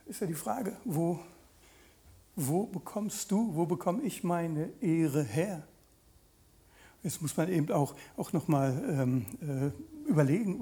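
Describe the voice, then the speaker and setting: Here a man in his late fifties gives a sermon that feels like conversation, pausing mid-thought to put questions to those listening. The voice is high-pitched and mellow.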